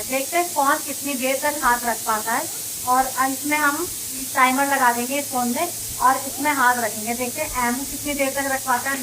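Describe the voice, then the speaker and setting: A woman in her thirties narrating a casual family vlog, chatting to viewers and scolding her children in sharp bursts. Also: high voice. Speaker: vlogger mother. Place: home and outdoors in rain. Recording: phone vlog with clear background noise.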